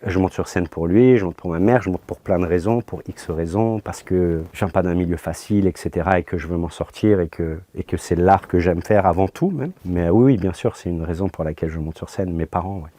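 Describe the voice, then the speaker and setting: Casting: young French man, low dark voice, easygoing and hesitant, dry close sound, comedian being interviewed. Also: brisk, hardly any pauses, no echo. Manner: laid-back, hesitant, many fillers. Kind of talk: casual interview answers.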